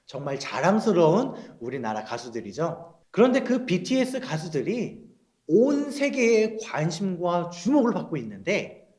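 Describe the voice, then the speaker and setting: A young man, a children's pastor, giving a sermon to kids, explaining slowly and gently and asking them questions. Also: high-pitched, huge pitch swings. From South Korea. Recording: roomy echo.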